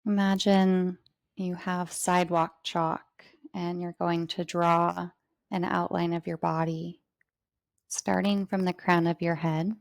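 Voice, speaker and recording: A woman yoga teacher leading a guided relaxation, with slow, soothing, spacious phrasing. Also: fairly low pitch, level tone, gravelly, dry recording, studio quality.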